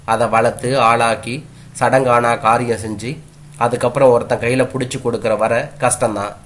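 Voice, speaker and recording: Old village grandmother voiced by a male reader, blunt, mocking, mid-pitched, storybook. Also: fairly even intonation, moderate pace, fairly bright tone, natural voice.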